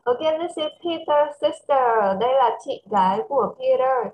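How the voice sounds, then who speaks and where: A woman with a Vietnamese accent teaching English to a child over a video call, switching between English and Vietnamese and reading English phrases slowly. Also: high voice, lively intonation, darkish tone, rough recording. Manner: mixes English and Vietnamese, slow careful English. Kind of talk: online English lesson for a child.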